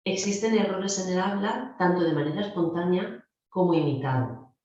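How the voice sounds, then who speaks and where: A middle-aged woman gives a clinical lecture in a low voice, explaining patiently and talking straight to the students. The sound is very echoey and dull, as if recorded lo-fi in a big bare room. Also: moderate pace, a little mellow. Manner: explanatory, addresses students directly. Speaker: speech therapy lecturer.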